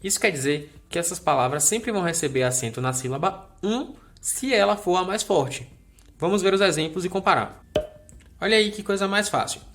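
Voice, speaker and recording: A man's voice: high voice, expressive, brisk, a bit bright, soft background music. A man teaching a recorded grammar lesson. He explains step by step in a friendly way and checks in with the viewer often.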